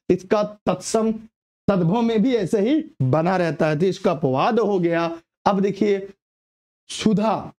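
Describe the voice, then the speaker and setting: High-pitched guy running a grammar class, keeps quizzing himself. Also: a little mellow. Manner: quizzing, asks and answers own questions. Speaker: Hindi grammar teacher. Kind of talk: exam-prep lesson.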